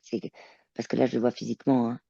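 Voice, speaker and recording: A woman working as a telepath, describing her visions in a channeling session, halting and searching for words. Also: extremely low pitch, flat delivery, creaky, dark tone, husky, dry recording, muffled recording. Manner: hesitant, searching for words, many fillers.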